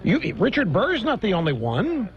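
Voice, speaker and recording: A man hosting a political talk radio show, delivering an animated, mocking monologue. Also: high-pitched, moderate pace. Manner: animated, mocking, mimics others in exaggerated voices. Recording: dull lo-fi radio broadcast.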